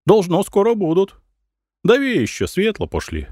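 A man putting on a high chatty peasant woman. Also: wildly swooping pitch, moderate pace, a little mellow, no echo, studio quality, heavily acted. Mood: matter-of-fact. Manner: drawling folk speech. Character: plain-spoken peasant woman at an inn.

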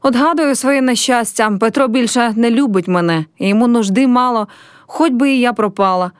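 A woman's voice: a little high, fairly quick, clear, resonant tone, no echo, clean studio sound, close to an everyday voice. A woman reading a play aloud and voicing a young village girl who is heartbroken and proud, speaking in a pleading, reproachful way.

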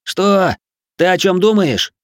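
A man's voice: a little high, fairly even intonation, normal speed, creaky, no echo, clean studio sound, voice pushed up. A man voicing an exhausted young militiaman who argues and barks orders in an audiobook. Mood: stubborn shouting. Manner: shouting, curt, commanding.

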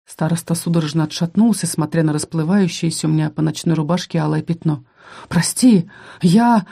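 An audiobook narrator reading a first-person fantasy romance novel in a calm, measured storytelling manner. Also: medium pitch.

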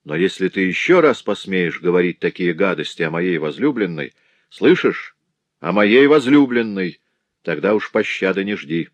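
Man doing a calm tough older brother, firm and cold, deep voice, dry. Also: normal speed, no room sound, full character voice. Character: strong calm older brother, seasoned fighter.

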